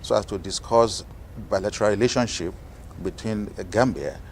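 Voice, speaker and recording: Man, from Nigeria, low voice, measured, frequent fillers, faint noise. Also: darkish tone. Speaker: guest, organization president. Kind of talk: TV interview.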